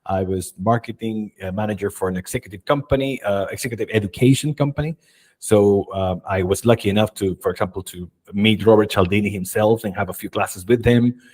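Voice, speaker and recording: A man's voice: lowish voice, fairly quick, darkish tone. Chilean-born man telling his story. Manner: enthusiastic, storytelling, frequent fillers. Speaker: guest, marketing and video expert. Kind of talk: casual interview chat.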